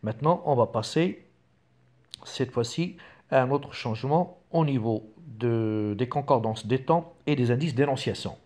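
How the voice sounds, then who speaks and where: A man's voice: medium pitch, a little slow, a little mellow. Man dictating a lesson in short phrases. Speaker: French grammar teacher. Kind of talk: instructional lesson, reading out examples.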